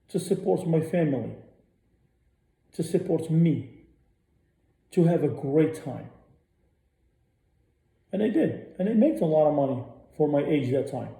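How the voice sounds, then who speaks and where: A man's voice: on the high side, gravelly, mellow. Profane ranting man, echoey room. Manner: blunt, profane, repeats himself. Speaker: radio host. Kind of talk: ranting monologue.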